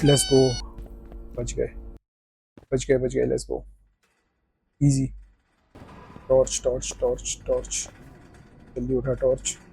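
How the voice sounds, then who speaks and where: A young man from India giving casual gameplay commentary, excitable, repeating words in quick bursts and mixing English gaming slang into his talk. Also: mid-range voice, gravelly, a little hiss or hum. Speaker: gaming streamer.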